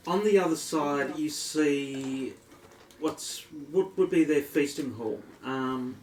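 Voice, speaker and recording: With a slightly high, darkish voice and a slow pace, an Australian man narrates a tabletop game as dungeon master, full of description and frequent ums. The recording sounds echoey, with a distant mic and faint noise.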